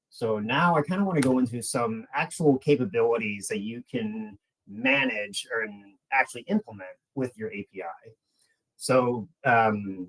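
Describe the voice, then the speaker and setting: In this webinar, a male product presenter with a medium-pitched voice walks the audience through things in a chatty, direct way. Audio quality is poor.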